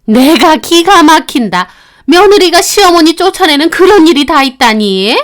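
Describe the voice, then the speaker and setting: A woman's voice: fairly high pitch, lively intonation, slow pace. A woman voicing a domineering middle-aged mother-in-law who talks in a scornful, bossy way. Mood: indignant.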